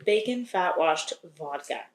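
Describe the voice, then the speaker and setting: A woman's voice: on the low side, animated, unhurried, reverberant. Wry, chatty woman recapping a book. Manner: chatty, wry, laughs often. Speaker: podcast co-host recapping a book. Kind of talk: casual chat.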